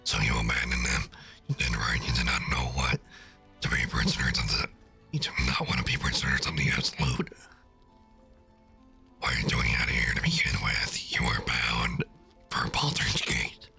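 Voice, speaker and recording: A man playing a video game who reads the game's lines aloud through a deep, layered demonic voice filter, as a menacing demon. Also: steady tone, moderate pace, gravelly, sharp tone, husky, soft background music, full character voice. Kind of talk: casual let's-play commentary reading dialogue options.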